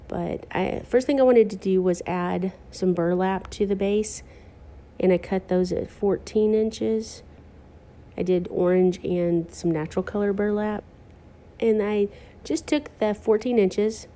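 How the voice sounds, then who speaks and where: A woman's voice: fairly low pitch, dark tone. A woman hosting a chatty craft tutorial, stuffy from allergies, joking about her own mistakes. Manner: chatty, self-deprecating, enthusiastic about textures. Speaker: craft video host.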